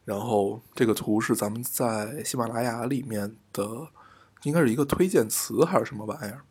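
Husky Beijing-accented man, mid-range voice. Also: mid-range voice, normal speed, a little mellow. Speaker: radio show co-host. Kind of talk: casual chat, reading listener messages.

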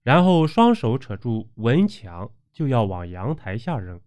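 A man's voice: mid-range voice, measured pace. A man narrating a dramatic ghost story, acting out the characters' voices as he goes. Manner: animated storytelling with acted voices.

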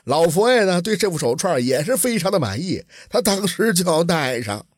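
A man storyteller voicing a tearful, injured yamen runner who whimpers his words out slowly. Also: high voice, sing-song, dry recording, clean studio sound. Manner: tearful and drawn out.

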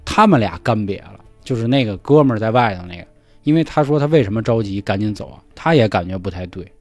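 A man telling a ghost story in casual chat, acting out the dialogue in hushed voices. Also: lowish voice, animated, fast, dry recording, faint music behind. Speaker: podcast storyteller.

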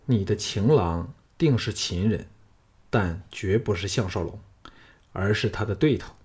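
Guy narrating a cool confident swordsman hero, low calm measured voice, bit husky. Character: cool, self-assured male swordsman hero. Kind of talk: audiobook character voice.

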